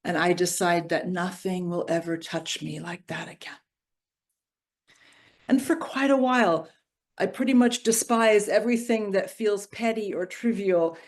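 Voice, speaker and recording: A middle-aged woman giving a personal storytelling reflection at a church service, moving from playful to hushed and grave. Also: medium pitch. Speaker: worship reflection speaker.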